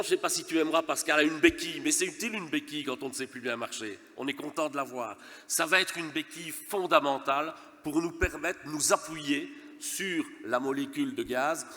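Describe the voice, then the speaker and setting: The speaker, from a gas and electricity network company, addresses a conference in a large hall with a mid-range, fairly bright voice. He comes from Verviers in eastern Wallonia and has a Belgian French accent made nasal by a cold. The formal talk carries touches of humour and many stammered restarts.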